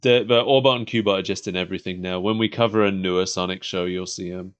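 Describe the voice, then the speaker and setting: A man's voice: sits low, fairly even intonation, fast talker, dull audio. A man co-hosting a podcast, chatting casually about cartoons like an enthusiastic fan. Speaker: podcast co-host. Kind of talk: casual chat reviewing cartoons.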